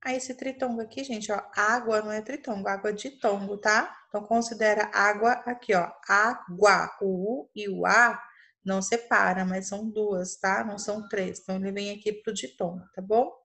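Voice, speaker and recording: A woman's voice: mid-range voice, fairly even intonation, fairly bright tone. A young adult woman with a Brazilian accent, teaching a recorded primary school grammar review and explaining patiently, step by step. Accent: Brazilian Portuguese. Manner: patient, explains slowly, checks in with "tá?" often. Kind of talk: recorded online lesson for children.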